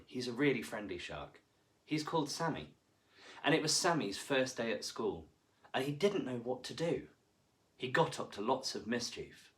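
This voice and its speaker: A man reading a picture book aloud to children, animated and engaging, asking the listener questions. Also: medium pitch. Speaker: children's storyteller.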